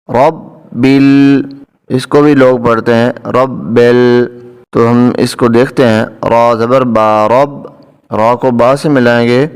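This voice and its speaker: A man teaching recitation step by step, spelling out letters and vowel marks and then chanting each word slowly, with a Pakistani Urdu accent. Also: medium pitch, clear, resonant tone. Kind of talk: slow, step-by-step recitation lesson.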